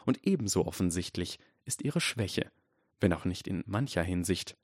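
A man's voice: sits low, expressive, darkish tone, husky, no room sound, clean studio sound. Lucius Malfoy, a silky cold aristocrat, read by a man. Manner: icy, measured and menacing.

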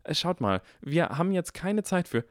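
An eleven-year-old know-it-all boy, raised high above the narrator's low voice, as a man puts him on for an audiobook. He protests and dodges in an eager, excitable rush, recorded close and dry. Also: no room sound. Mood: evasive. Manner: quick, pleading, excitable. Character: clever, cheeky boy of eleven.

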